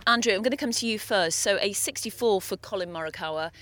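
A woman's voice: medium pitch, fast talker, noisy background. A woman hosting a golf broadcast, linking reports and putting questions to studio pundits. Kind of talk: studio sports discussion and scripted links.

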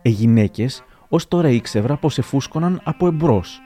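A man's voice: medium pitch, animated, dark tone, natural voice. A man voicing a proud, blunt old general who speaks in dry, wry sayings.

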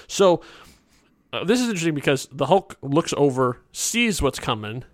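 A man co-hosting a podcast, chatting casually about a movie, animated and quick to laugh, with lots of restarts. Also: on the high side, no echo, clean studio sound. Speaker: podcast co-host. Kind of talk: casual film-discussion chat.

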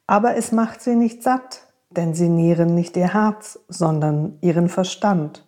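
A wise, caring horse speaks in a low, mellow, tender voice, as a woman narrator puts him on. The tone is patient and reassuring, unhurried and very slow, like a big friend comforting a child in a bedtime storybook. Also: natural voice. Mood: gentle, reassuring.

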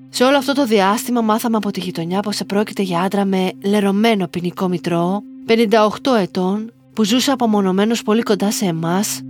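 A woman reading a listener's first-person story aloud in slow, measured scripted narration. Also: medium pitch.

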